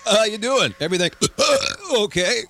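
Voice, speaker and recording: A man's voice: high voice, expressive, takes it slowly, gravelly, sharp tone, heavily acted. A man voicing a frontier marshal with bad breath who keeps hacking and coughing between his words. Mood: cough-ridden.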